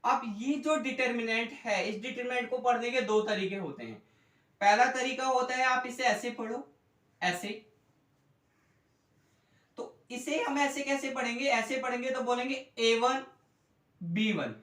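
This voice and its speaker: A man teaching a math lesson at a board, explaining slowly, repeating points and quizzing his students. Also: very high-pitched, a bit bright. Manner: slow, repetitive, quizzes students with questions. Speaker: economics tutor. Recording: echoey room, mic far off.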